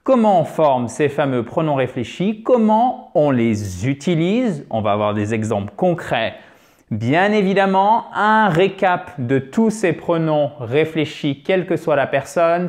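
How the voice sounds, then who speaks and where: A man teaching an English lesson on video, lively and emphatic, often addressing his viewers as dear friends. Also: fairly high pitch, measured pace.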